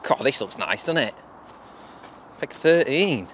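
A man's voice: mid-range voice, animated, slow, a bit bright. Chatty man vlogging at a lake. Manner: chatty, enthusiastic, addresses viewers directly. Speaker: fishing vlogger. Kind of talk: casual vlog presenting. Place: outdoors at a fishing lake. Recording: outdoor recording with clear background noise.

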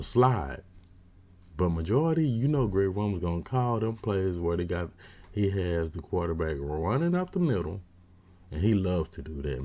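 A man in his thirties giving casual, opinionated postgame football commentary from a small room at home on a webcam, with lots of slang and fillers. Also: sits low. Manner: opinionated, gets loud and exasperated when ranting. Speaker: sports fan commentator.

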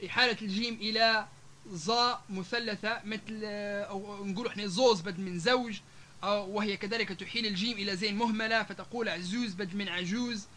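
A man with a Libyan Arabic accent lectures a live audience at a rapid clip in a high, bright voice. He strings example words together one after another, broken by drawn-out "aah" fillers, with faint room noise behind him. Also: steady tone.

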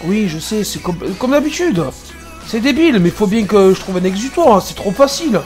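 A man's voice: high-pitched, expressive, normal speed, darkish tone, soft background music. A man, a truck driver, commenting casually and sarcastically on dashcam clips, exasperated at other drivers.

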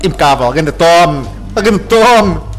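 A man with a European Portuguese accent commentating a video game, excitable and full of slangy exclamations. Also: a little high, unhurried. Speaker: gaming commentator. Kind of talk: let's play commentary. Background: game music and sound.

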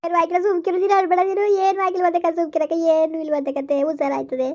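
A steady older village woman, voiced by a woman, soothes and urges in a high, brisk voice. The recording is dull and lo-fi. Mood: soothing, urging. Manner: soothing, urging the other to stop crying.

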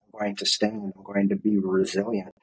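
A man in his thirties speaks as a guest over a video call, headphones on. His voice has a husky edge, and he recounts his path earnestly and thoughtfully, filling pauses with small fillers. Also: lowish voice, monotone, poor audio. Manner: earnest, reflective storytelling with frequent fillers. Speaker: guest, fitness coach. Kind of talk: casual interview. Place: home office, indoors.

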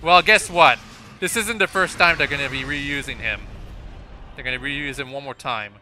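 Bright-voiced man rambling over game music. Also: medium pitch, normal speed. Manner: rambling, self-correcting, frequent fillers and restarts. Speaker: let's play commentator. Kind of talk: casual gameplay commentary. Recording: game music playing behind.

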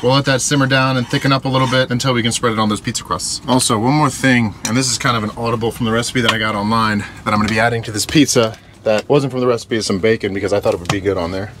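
A young man vlogging as he cooks in a small camper van kitchen, relaxed and chatty. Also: medium pitch, rapid-fire. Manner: relaxed, chatty, talks while cooking. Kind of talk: casual cooking vlog. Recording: noisy camper van recording.

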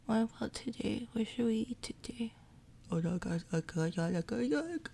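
She's an ASMR roleplay performer speaking in a gentle, breathy half-whisper during a relaxed chat after jaw surgery. Her talk meanders, and she repeats words in rapid runs. The recording is low-grade, with a constant machine drone behind her.

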